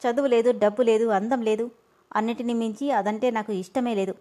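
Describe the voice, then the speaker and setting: A woman's voice: on the high side, fairly even intonation, brisk, mellow, natural voice. A woman voicing an arrogant, cruel young man who talks with scorn. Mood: defiant. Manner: mocking, scornful.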